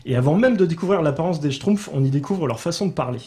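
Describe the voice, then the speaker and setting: A man's voice: fairly high pitch, animated, fast talker, a little mellow. A French man co-hosting a pop-culture podcast, explaining with many fillers and restarts. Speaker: podcast co-host. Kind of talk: casual chat.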